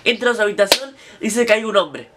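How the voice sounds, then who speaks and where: A man's voice: high voice, fairly quick, heavy background noise. A young man with an Argentine accent, casually recounting a story to his viewers in a chatty, slangy way. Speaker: vlogger.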